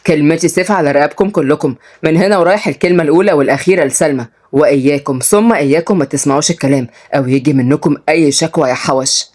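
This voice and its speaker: A woman's voice: low-pitched, very fast, hardly any pauses, darkish tone. A woman voicing a commanding older father who is a judge, with an Egyptian Arabic accent. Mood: stern. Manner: commanding, gruff.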